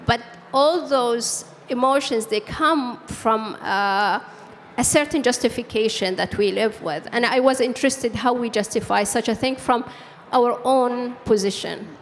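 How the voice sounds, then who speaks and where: A woman writer speaking slowly and haltingly, searching for her words. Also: fairly high pitch. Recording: reverberant hall with faint background noise.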